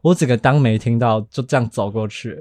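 A man's voice: medium pitch, fairly quick, no room sound. A young man, chatting casually and telling stories with frequent laughs. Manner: laughs often, lively storytelling. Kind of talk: casual chat.

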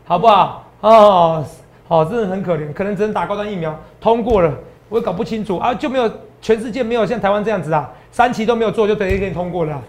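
A man with a Taiwanese Mandarin accent hosting a stock-tips show, animated and boastful, lecturing viewers like students. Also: sits high, quick pace. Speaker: stock market analyst host.

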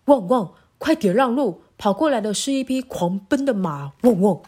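A woman voicing a big friendly male dog in a children's story, talking loudly with barks mixed in. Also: fairly high pitch, expressive, normal speed, slightly rough. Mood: earnest. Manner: loud, barking.

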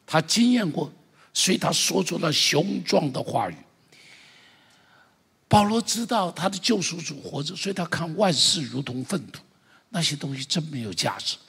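A middle-aged male pastor giving an impassioned sermon, with loud exclamations and calls for the congregation to repeat after him. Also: a little high, creaky, breathy edge. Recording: long church-hall reverb.

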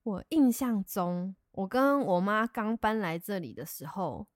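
A woman with a Taiwanese Mandarin accent, telling a story in casual, expressive chat as a co-host. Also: medium pitch, unhurried, dry recording, clean studio sound.

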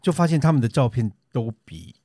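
Guy on a podcast, lively pitch, laid-back explaining, dry sound. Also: fairly quick, husky, no echo. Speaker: podcast co-host. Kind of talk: casual chat.

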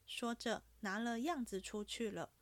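A woman host reading a classic novel aloud in steady, measured narration. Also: a little high, no echo.

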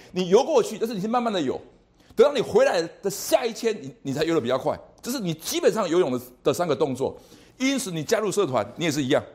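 Animated male university lecturer. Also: a little high. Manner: lively, animated, repeats words, asks the class questions. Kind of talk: classroom lecture. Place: lecture hall.

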